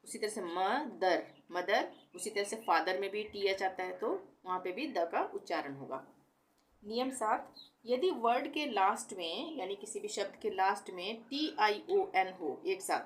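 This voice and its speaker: A woman giving a pronunciation lesson, slowly repeating each example word to drill it. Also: medium pitch. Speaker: English pronunciation teacher. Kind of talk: classroom-style lesson explaining rules.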